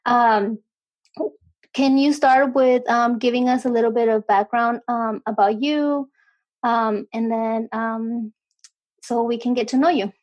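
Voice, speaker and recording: A woman hosts a casual podcast interview in a fairly high, darkish voice with fairly even intonation, speaking a little slowly. She sounds hesitant and says "um" a lot, and the recording is muffled.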